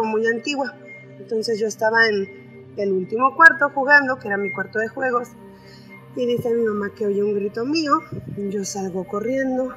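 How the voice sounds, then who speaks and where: Woman, fairly high and crisp voice, chatty storytelling, faint music underneath. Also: fairly bright tone, muffled recording. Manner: conversational, with frequent fillers and restarts. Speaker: storyteller sharing a personal experience. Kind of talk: casual spoken storytelling.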